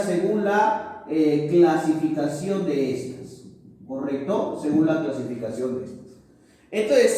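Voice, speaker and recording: A male teacher giving a grammar lesson, explaining slowly and posing questions to himself that he then answers. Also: high voice, dark tone. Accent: Peruvian Spanish. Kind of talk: recorded classroom lesson. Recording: echoey room, mic far off.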